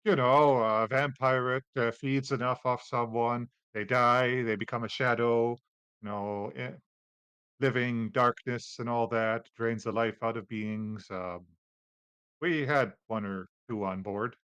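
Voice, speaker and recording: A man narrating a tabletop game as game master, relaxed and halting, with many fillers. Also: medium pitch, clean tone, no echo.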